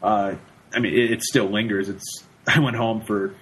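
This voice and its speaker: A young man with a fairly low voice, speaking as a student guest on a casual podcast. He talks haltingly, stacking restarts and repeated words while he looks for the right phrasing. Faint background noise runs underneath. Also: steady tone, fairly bright tone, poor audio. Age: young adult. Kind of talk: casual conversational interview.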